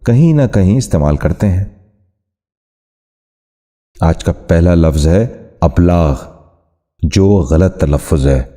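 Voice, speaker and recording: A man narrates a scripted pronunciation lesson in a formal, courteous tone. His voice sits low and sounds extremely dark and mellow. He lays out each word slowly and deliberately. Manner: formal, courteous, slow deliberate enunciation of words. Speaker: Urdu pronunciation teacher.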